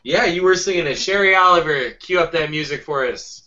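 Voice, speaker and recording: Podcast host guy, bright voice, kinda dull lo-fi sound. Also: a little high, fairly quick. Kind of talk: casual chat.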